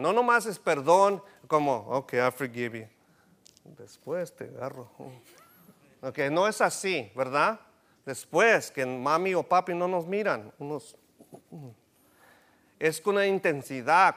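A man preaching to his congregation, with a voice set a little high. He shifts between two languages and throws question after question at the room. He keeps building to loud, animated peaks. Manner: switches between Spanish and English, asks the congregation questions; rises to emphatic, animated bursts. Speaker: pastor. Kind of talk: bilingual sermon teaching.

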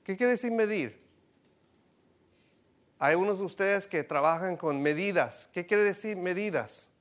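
A man preaching to his congregation, with a voice set a little high. He shifts between two languages and throws question after question at the room. He keeps building to loud, animated peaks. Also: a little slow. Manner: switches between Spanish and English, asks the congregation questions; rises to emphatic, animated bursts. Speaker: pastor. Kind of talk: bilingual sermon teaching.

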